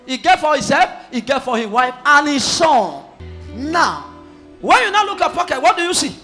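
A man preaching as a pastor, questioning a witness and calling out to the congregation with emphatic, shouted lines. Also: very high-pitched, big pitch swings, moderate pace. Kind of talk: preaching with call-and-response. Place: church hall with congregation. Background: music and loud congregation.

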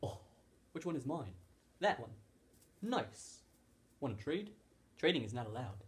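A man voicing toy dogs and running a race in an amateur toy role-play, with quick, excitable exclamations. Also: mid-range voice. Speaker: home video creator voicing toy dogs.

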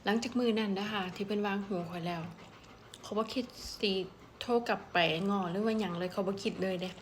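A woman's voice: mid-range voice, steady tone, a little fast, a little hiss or hum. Woman vlogger, Isan accent, mid-range voice, chatty blunt storyteller talking over a meal. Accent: Isan Thai. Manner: chatty storyteller, eating while talking, blunt slangy speech. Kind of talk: casual mukbang storytelling.

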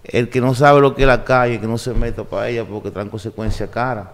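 Speaking fairly quickly at a medium pitch with fairly even intonation, a Puerto Rico–born man in his forties, raised in New York and the Dominican Republic, talks casually as a podcast studio guest. A boom-arm desk mic picks him up.

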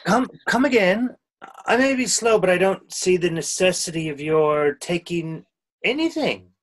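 Bemused, easygoing husband played by a middle-aged man, stage play: wry, placid, expressive pitch. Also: a little slow. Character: mild, bemused, slow-to-react husband. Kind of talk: stage play read over video call. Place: indoors, plain room. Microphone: video call.

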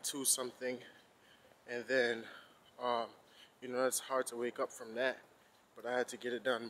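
A man's voice: mid-range voice, rough recording. A young man, a college student, talking casually into his phone while walking outdoors on campus. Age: young adult. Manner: relaxed, loose and conversational.

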